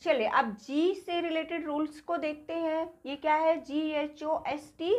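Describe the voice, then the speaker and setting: A woman's voice: high-pitched, fairly even intonation, unhurried. A woman with an Indian accent teaching spoken English, patiently repeating words and asking her class questions.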